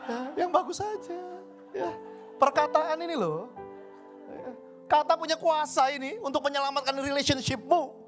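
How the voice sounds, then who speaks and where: A man's voice: very high voice, moderate pace. A man preaching a conversational sermon, acting out everyday dialogue in different voices. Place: church service hall. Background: faint keyboard music.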